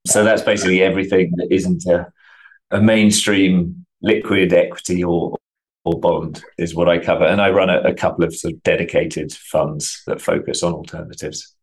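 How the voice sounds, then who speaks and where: A man's voice: sits low, little pitch movement, normal speed, low-quality recording. A man giving explanatory answers as an expert guest in a remote interview. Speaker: interview guest, portfolio manager. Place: remote video call.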